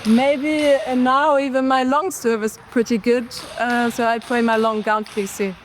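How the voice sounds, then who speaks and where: A woman's voice: a little high, a little slow, a little hiss or hum. Thoughtful woman athlete in her thirties. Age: 30s. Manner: relaxed, thoughtful, with fillers.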